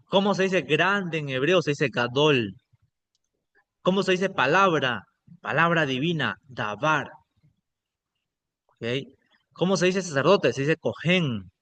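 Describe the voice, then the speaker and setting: Man, pastor, slightly high voice, online lecture, explanatory, frequent check-ins. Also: lively intonation, takes it slowly, pauses often, fairly bright tone. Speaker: pastor teaching biblical Hebrew.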